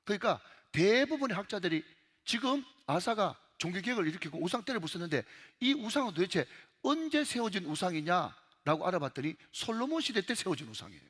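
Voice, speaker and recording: In a large church sanctuary, a male pastor with a Gyeongsang Korean accent delivers an emphatic sermon, repeatedly calling out to the congregation. His high-pitched voice is very animated, fairly quick, a bit bright, and husky.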